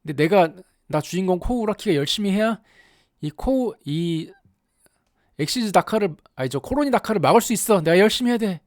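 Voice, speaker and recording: Commentator doing a young anime pilot, earnest, blurting exclamations, lively pitch. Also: fairly quick, no room sound, studio quality, natural voice. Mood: determined. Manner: blurting, exclamatory inner monologue. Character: earnest young male mecha pilot, later bitter.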